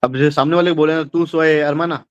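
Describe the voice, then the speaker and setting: A man's voice: fairly high pitch, steady tone, fairly quick, clean tone. A man from Rajasthan takes part in a casual language lesson. He speaks hesitantly and echoes phrases back. The recording sounds muffled and dry. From Rajasthan, India. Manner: hesitant, repeats words after the teacher. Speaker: student.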